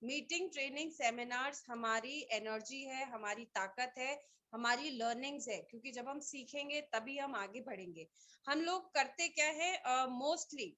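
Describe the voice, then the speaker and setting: A woman giving a motivational team training talk, energetic and rallying, telling stories with quoted dialogue. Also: high-pitched, unhurried. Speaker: team trainer for a direct-selling business.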